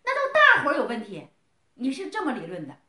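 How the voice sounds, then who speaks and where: A woman's voice: sits high, wildly swooping pitch, fast talker, bright, forceful tone, reverberant. A middle-aged woman scolding someone in a heated family argument, lecturing and firing off repeated questions.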